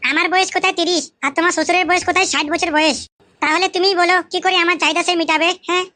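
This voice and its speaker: Sweet-talking mother-in-law played by a woman, high, bright, rapid. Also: fairly even intonation. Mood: coaxing. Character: coaxing middle-aged mother-in-law, thirties by her claim. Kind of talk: comic village skit.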